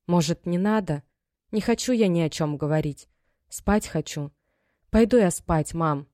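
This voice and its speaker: A woman's voice: fairly low pitch, a little slow, dark tone, no room sound, clean studio sound, close to an everyday voice. A woman voicing a stubborn young daughter in love, defiant toward her mother. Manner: defiant, pleading.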